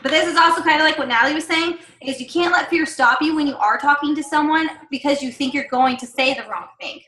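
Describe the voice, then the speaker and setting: High-pitched, quick, pushed, and bright, this woman's voice coaches a sales team in a casual, cheerful way. She encourages them with many fillers and side comments, amid roomy echo and faint background noise.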